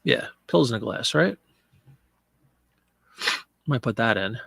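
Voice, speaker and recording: A middle-aged eBay seller from Pennsylvania chats casually on a live stream, answering viewers while listing items, his head cold leaving him congested. His mid-range voice is gravelly, a bit bright and expressive, and he takes it slowly. There's no room sound.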